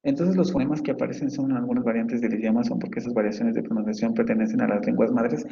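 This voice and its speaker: In a reverberant, dull, lo-fi recording of a roomy space, a male phonetics professor lectures casually, working through examples and thinking aloud with many fillers and restarts. He speaks fast with a warm, medium-pitched voice, steady in tone and edged with vocal fry.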